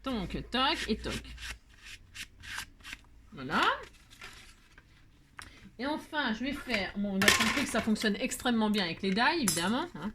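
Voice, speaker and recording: A crafting video host, a woman with a mid-range voice and lively intonation, leads a casual tutorial at her home craft table at a measured pace with frequent pauses. She chats, answers her own remarks, adds playful sound effects, and gets annoyed at mistakes before laughing them off. The home recording is noisy.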